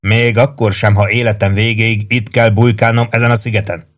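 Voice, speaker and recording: A man's voice: lowish voice, flat delivery, lightly acted. A man reading the lines of a stubborn, wary male army deserter in a novel. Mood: insistent. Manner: insistent, defensive.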